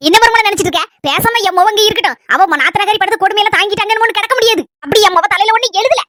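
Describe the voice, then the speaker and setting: A gossipy old village granny chatters on in a rapid, bright, high voice, as a woman puts her on. She nags and pries with a Kanyakumari Tamil accent in this cartoon, recorded dry and close. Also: dry recording. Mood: scolding. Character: nosy talkative old village mother-in-law. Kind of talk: cartoon voice acting.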